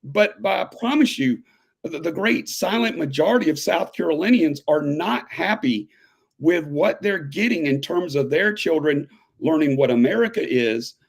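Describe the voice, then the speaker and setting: A man in his fifties, a high school history teacher, speaking as an interview guest in an animated, emphatic way that builds to pointed questions. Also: moderate pace, creaky, slightly rough. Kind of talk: conversational interview.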